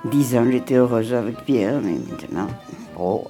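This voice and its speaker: A woman's voice: a bass voice, normal speed, warm tone, soft background music. An older woman reminiscing at home in a rambling interview, often repeating words and sighing.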